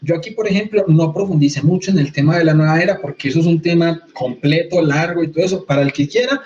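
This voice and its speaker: Animated Colombian man explaining faith. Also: fairly high pitch, fast. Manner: animated, rhetorical questions, mock-quotes others. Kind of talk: conversational teaching. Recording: slightly muffled sound.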